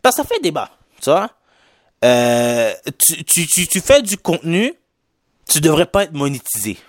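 A man's voice: a little high, big pitch swings, normal speed, dry recording, clean studio sound. A young man from Quebec with a Québécois French accent that has a slight Haitian touch, hosting his own podcast in a chatty, rambling solo monologue full of fillers and English slang. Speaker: podcast host.

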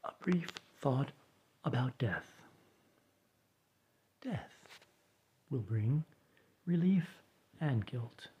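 Soft-spoken man, half whispering. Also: mid-range voice, dull audio, slight background noise. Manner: soft, slow, often whispered delivery; dry deadpan asides. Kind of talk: quiet reflective readings and recipe read-aloud.

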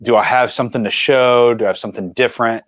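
A man in his forties talks as a guest on an interview show, explaining his filmmaking in an animated, chatty way. His voice sits in a middle pitch and sounds dry and close, with no room around it. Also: quick pace, no room sound. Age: 40s. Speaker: guest, filmmaker and mountain biker. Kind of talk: casual interview chat.

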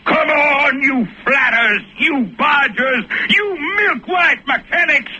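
A man's voice: extremely high pitch, slow pace, sharp tone, highs cut off, slight background noise, full character voice. An actor playing a boastful, brawling frontier keelboatman who roars tall-tale brags with whoops and rooster crows in 1940s radio acting. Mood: boastful, rowdy.

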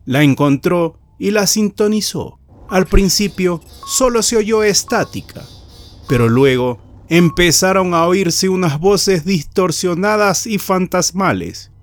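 A man's voice: high voice, lively intonation, slow. Man narrating a horror tale. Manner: dramatic storytelling. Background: faint music.

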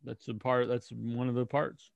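An American man chatting casually as a podcast co-host, telling things in a rambling, halting way with false starts. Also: medium pitch, level tone, gravelly, no room sound, muffled recording. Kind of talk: casual chat.

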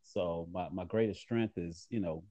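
A man giving measured, earnest interview answers in fairly formal wording as a magazine editor. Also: sits low, warm tone, no echo.

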